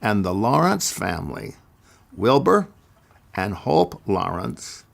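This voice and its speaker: Slow, gravelly older man. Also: on the low side, sing-song. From Idaho, USA. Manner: deliberate, measured delivery with careful pauses. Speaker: speaker giving a personal testimony. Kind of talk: slow first-person storytelling.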